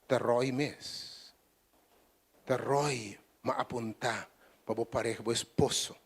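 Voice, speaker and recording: Impassioned preacher. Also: male voice, medium pitch, slightly rough. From Curaçao. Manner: swings between quiet talk and loud rising emphasis. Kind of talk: sermon. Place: church broadcast on radio.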